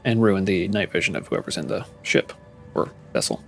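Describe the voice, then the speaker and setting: A man's voice: low-pitched, very animated, moderate pace, creaky, fairly bright tone, faint music behind. A man chatting casually to his viewers while playing a game live, musing aloud as he goes. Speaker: streamer. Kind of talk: casual gameplay commentary.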